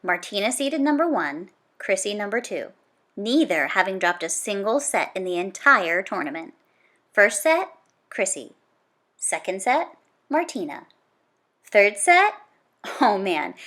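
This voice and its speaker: Slightly high-pitched and highly animated, the female narrator reads a kids' nonfiction book with punchy emphasis, stretching key words and firing off exclamations for drama.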